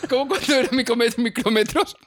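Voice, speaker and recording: A man co-hosting a comedy podcast, giggly and quick to cut in. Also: very high voice, a crowd in the background. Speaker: podcast co-host.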